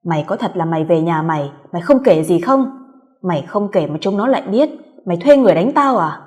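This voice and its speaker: A woman's voice: mid-range voice, animated, brisk, close to an everyday voice. Woman voicing a raging, scornful young husband. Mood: contemptuous rage. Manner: shouting insults, harsh and scornful. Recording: long hall reverb.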